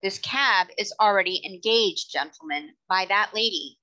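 Lady doing a kind but firm working cab driver guy from a storybook, plain talking, bright forceful voice. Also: a little high, lively intonation, normal speed, pitched above the performer's own voice, low-quality recording. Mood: stern, droll. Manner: plain-spoken, respectful working-class address. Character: kindly, firm male London cab driver, family man.

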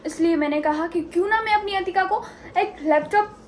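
A woman's voice: very high-pitched, a little fast, slight background noise, low-quality recording. A woman hosting a casual vlog, chatting to viewers and often asking if they follow. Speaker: vlog host.

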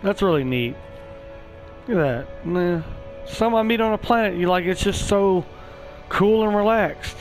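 A man giving casual let's-play commentary, excitable and swearing, chatting to the creatures on screen. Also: sits high, a little slow, long pauses, soft background music, poor audio. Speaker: gameplay streamer.

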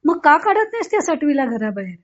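A woman's voice: high-pitched, very animated, quick pace. A woman voicing a harsh, scolding older mother-in-law who taunts bitterly, in a dull lo-fi recording.

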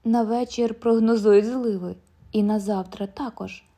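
A woman's voice: medium pitch, fairly even intonation, measured pace, mellow. A woman voicing an anxious wife who urges her husband to leave and pleads with him. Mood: eager. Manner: urgent, pleading.

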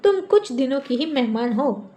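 A woman voicing a teasing young adult brother who is loud, bossy and playful. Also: sits high, animated, normal speed.

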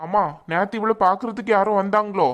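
A woman's voice: mid-range voice, fairly even intonation, quick pace, lightly acted. A woman voicing an angry, suspicious young husband in a cartoon, speaking curtly in a Tirunelveli Tamil accent. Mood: accusing. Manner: accusing, curt. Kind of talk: cartoon voice acting.

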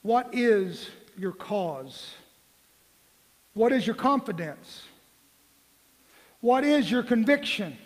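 A man in his forties with a notably high voice delivers a sermon, mixing folksy jokes with pointed, emphatic questions. His words trail into the long reverb of a church sanctuary. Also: expressive, takes it slowly, pauses often. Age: 40s. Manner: folksy, joking asides, rising to emphatic questions. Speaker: pastor.

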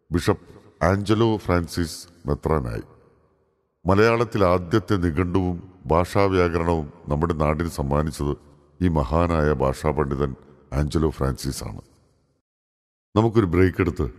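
A man narrating a staged local history in a lively, chatty storytelling manner. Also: low voice, long reverb tail.

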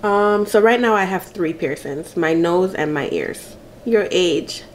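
A woman's voice: lowish voice, animated, unhurried, a little hiss or hum. A woman, chatting playfully and laughing often as she answers get-to-know-me questions while eating. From Jamaica. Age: 30s. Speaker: mukbang vlogger.

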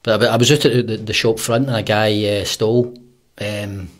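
A man with a broad Glaswegian Scots accent and a husky voice, telling comic anecdotes in casual, sweary slang on a close studio mic. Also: fairly low pitch, fairly even intonation, moderate pace. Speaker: podcast guest, comedy writer and actor. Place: small podcast studio. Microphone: close studio condenser on arm.

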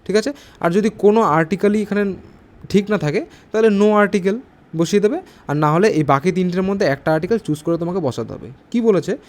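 A man teaching an exam-prep English grammar lesson, explaining step by step, reading English sentences slowly and often asking whether students understood. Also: high-pitched, animated. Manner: explains step by step, asks frequent check questions.

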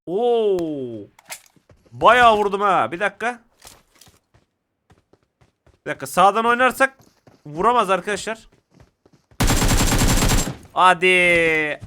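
A young man giving excitable, casual commentary to viewers while playing a mobile shooter game. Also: high voice, background noise.

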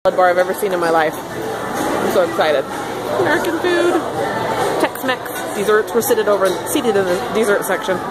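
A woman in her thirties, filming a casual vlog on a handheld camera, chatty and excitable with frequent giggles. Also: medium pitch, normal speed. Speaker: vlogger. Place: outdoor swap meet, then casino buffet. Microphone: handheld camera at arm's length. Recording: noisy crowded outdoor recording. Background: loud crowd and outdoor noise.

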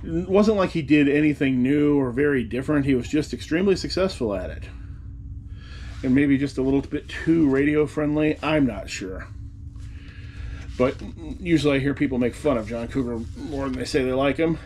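A man in his forties who vlogs about reselling sits at a desk in a messy room, chatting to the camera in front of him. He has a mid-range, slightly mellow voice at normal speed, with a little hiss or hum in the audio, and a wry, wandering way of talking.

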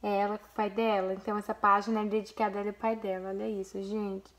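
Fast-talking and mid-range, with little pitch movement, a young Brazilian woman with a Brazilian Portuguese accent flips through a photo album for her vlog. A mother, she gushes over it and chats directly with viewers.

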